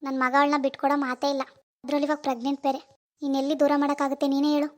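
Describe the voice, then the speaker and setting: A woman voicing a scheming, two-faced older mother-in-law in an animated family drama, sighing and wheedling, then sly and scornful. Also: high voice, very fast, natural voice.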